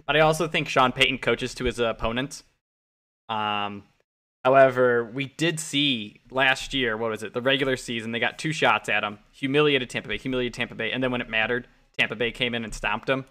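A man with a bright, forceful voice talks through football picks in a relaxed podcast chat. He gets animated as he acts out quotes, his voice jumping up when he plays other people. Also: medium pitch, a little fast. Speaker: podcast co-host. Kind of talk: casual sports betting chat.

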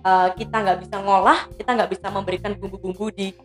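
Woman, podcast guest, explanatory, casual chat, mid pitch, faint background music. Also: fast talker. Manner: explanatory, animated demonstrations. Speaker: guest speaker on public speaking. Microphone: podcast mic.

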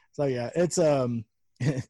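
Joking man, dark and dry voice. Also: medium pitch, dry recording. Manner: crude, joking, laughs often. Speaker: podcast host. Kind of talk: casual podcast chat.

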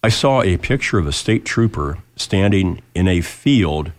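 Deep, nasal American man hosting radio. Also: lively intonation, a little slow, dry recording. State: recovering from lost voice. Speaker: radio show host. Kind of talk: casual live radio talk.

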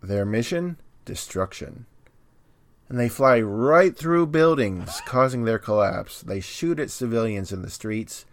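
A man co-hosting a podcast, recapping an episode's plot in a steady storytelling way with dry humor. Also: mid-range voice, measured pace.

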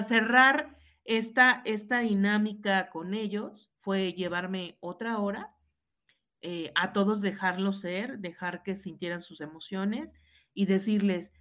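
A woman's voice: mid-range voice, fairly bright tone. Woman, Mexican accent, teacher, conversational storytelling, earnest, reenacts dialogue. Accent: Mexican Spanish. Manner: earnest, frequent tag questions, reenacts dialogue. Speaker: high school teacher. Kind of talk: reflective personal storytelling in conversation.

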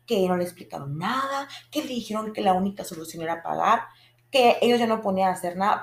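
Woman telling a story, gravelly tone. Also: medium pitch. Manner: animated, frustrated retelling with frequent restarts and acted quotes. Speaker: vlogger. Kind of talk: casual storytelling to camera. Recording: echoey room.

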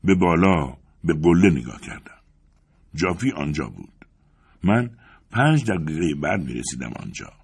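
A male audiobook narrator with a very low voice and a husky grain. He reads the novel expressively, and his pitch swings widely as he paints each scene. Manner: expressive, dramatic reading.

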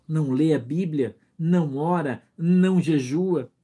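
A man's voice: fairly high pitch, unhurried, dark tone, husky. A male pastor preaching a sermon, acting out little scenes, asking rhetorical questions and greeting members of the congregation by name. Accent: Brazilian Portuguese.

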